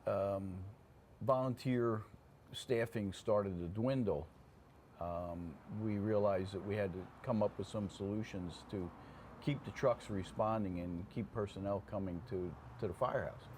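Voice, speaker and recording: A veteran fire officer, an older man, chats casually as an interview guest in a low, slightly mellow, unhurried voice. He's plainspoken and keeps checking in with "okay?" and "you know," with clear room noise in the background.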